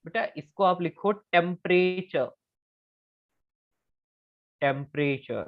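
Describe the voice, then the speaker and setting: Patient male teacher, slow deliberate delivery, muffled online-class audio. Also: sits high. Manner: patient, repeats key phrases slowly, calls students beta. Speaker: physics teacher.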